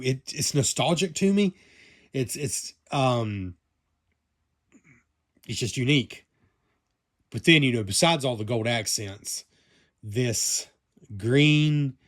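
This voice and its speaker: A man from the American South with a Southern accent, casually reviewing a vinyl toy in a rambling, chatty way full of fillers and self-corrections. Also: mid-range voice. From Southern United States. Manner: talks to himself while handling the toy.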